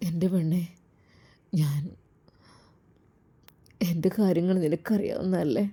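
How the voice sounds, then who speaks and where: A tender male religious teacher, played by a woman narrator, speaks low and softly in a storybook tale. His mellow voice carries quiet sorrow and affection for his wife. It sits well below the narrator's own pitch. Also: slow, slightly rough, heavily acted. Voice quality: lowered, soft voice.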